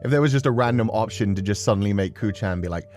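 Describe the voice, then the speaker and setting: A man with a fairly low, slightly mellow voice speaks at a quick pace as faint music plays. As a gaming livestream host, he chats casually and expressively in a rambling way before getting into the game.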